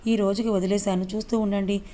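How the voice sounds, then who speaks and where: Storybook villainess, put on by a woman narrator: scheming and gloating, mellow and even. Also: mid-range voice, brisk, natural voice. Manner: sneering, plotting.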